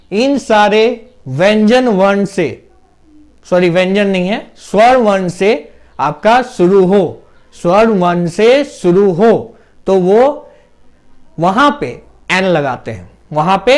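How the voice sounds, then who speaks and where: A man gives a grammar lesson at an unhurried pace, slowly walking through each example. He poses questions to his students and answers them himself, drawing out vowel sounds to show pronunciation. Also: high-pitched. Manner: explains step by step, asks and answers his own questions; drags out vowel sounds when demonstrating pronunciation. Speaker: English teacher. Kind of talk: classroom-style grammar lesson.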